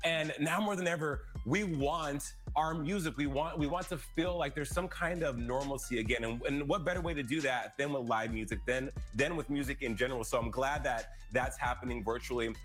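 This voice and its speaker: A man's voice: mid-range voice, brisk, hardly any pauses, a bit bright, soft background music. A young man hosting a TV interview over a video call from his living room, enthusiastic and drawing out words for emphasis. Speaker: TV host. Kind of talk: upbeat TV interview.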